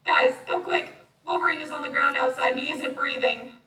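A man's voice: very high-pitched, steady tone, fairly quick, pushed and bright, heavily acted. A male playing Iron Man, a defensive armored superhero, in a youth audio play, recorded roomy and off the mic. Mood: alarmed. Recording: roomy, distant mic, faint music.

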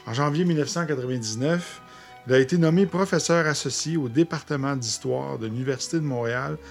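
A man co-hosting a radio chat, calmly reading out a guest's background. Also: mid-range voice, fairly quick, gravelly, faint music behind. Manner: calm, reads a guest's CV carefully. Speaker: co-host.

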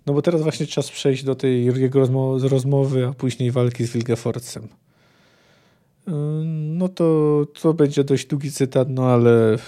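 A man hosting a book podcast, reading passages and commenting in a relaxed, hesitant way. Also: mid-range voice. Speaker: podcast host discussing a book. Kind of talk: book discussion with read-aloud quotes.

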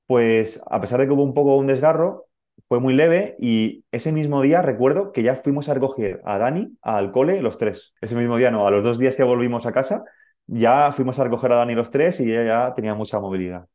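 A man from telling a podcast host a heartfelt personal story, animated and acting out the people he quotes. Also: medium pitch, fairly quick. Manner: animated retelling, acts out voices in quotes, laughs and tears up. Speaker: podcast guest, father.

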